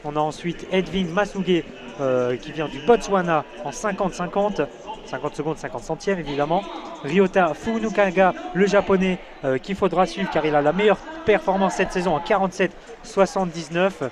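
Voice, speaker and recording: A man co-commenting athletics live in audio description at a stadium, lively, calling out results and athlete lists. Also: high voice. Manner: lively, fluent summaries, shouts results. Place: outdoor stadium. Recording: stadium crowd behind commentary.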